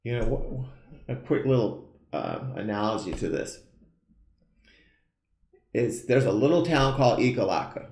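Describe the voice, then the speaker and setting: A man in his fifties hosting a live show, giving an earnest, emphatic motivational pitch that keeps repeating its key phrases. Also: lively intonation, a little slow, creaky, pauses often, a little mellow, echoey room. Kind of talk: motivational sales pitch to camera.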